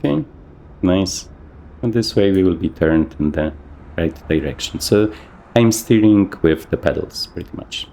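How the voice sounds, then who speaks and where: A man casually talking through a flight simulator session, thinking aloud with plenty of fillers, his voice a little rough from the morning. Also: low-pitched, animated, measured pace, mellow. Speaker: flight sim video host. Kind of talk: casual gameplay commentary.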